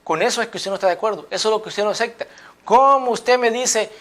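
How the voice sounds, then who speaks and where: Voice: medium pitch, quick pace, fairly bright tone. Emphatic preacher firing rhetorical questions. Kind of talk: apologetics sermon video.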